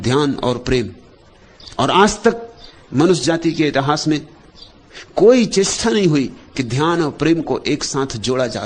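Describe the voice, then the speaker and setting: A man's voice on the high side carries a meditative spiritual discourse, spoken as a teacher in short, measured phrases with recurring refrains. There's slight background noise.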